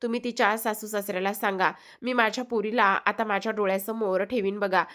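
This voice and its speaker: A woman's voice: medium pitch, fairly even intonation, brisk, a bit bright, lightly acted. A woman voicing a grateful, tearful village mother pleading with the headman in a retold serial.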